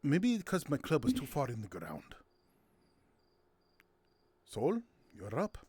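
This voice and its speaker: A man's voice: a little high, wildly swooping pitch, slow, dark tone, husky, no echo. A man hosting a casual game night on his stream, playful and giggly, tossing in silly sound words. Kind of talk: casual gameplay commentary.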